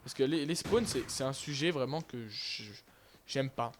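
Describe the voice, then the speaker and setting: Young male gamer, casual live commentary, lots of fillers, mid-pitched voice. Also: normal speed, noisy background. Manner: casual, rambling, many fillers and restarts. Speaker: gaming YouTuber.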